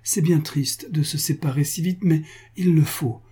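An anxious young woman in love pleads in a hurried, tearful voice, as a male narrator of a storybook puts her on. The voice is raised a little in pitch but stays dark and husky underneath. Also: steady tone. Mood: hurried tender.

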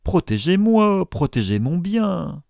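A man's voice: very animated, unhurried, creaky, a little mellow, no echo. A man voicing a fearful old miserly trader who whines and cries out. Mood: panicked. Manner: whining, shrill outcries.

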